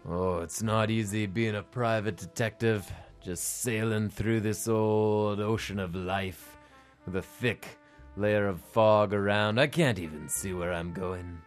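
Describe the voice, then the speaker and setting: A man playing a world-weary old seafaring private detective in a gruff, brooding, self-dramatizing noir monologue style for a comic radio play. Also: on the low side, fairly even intonation, measured pace, lightly acted. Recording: music playing under the voice.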